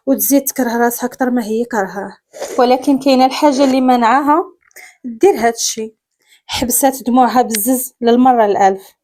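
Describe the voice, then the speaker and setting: A woman with a Moroccan accent narrating a dramatic story in a steady storytelling manner. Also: fairly high pitch. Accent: Moroccan Arabic.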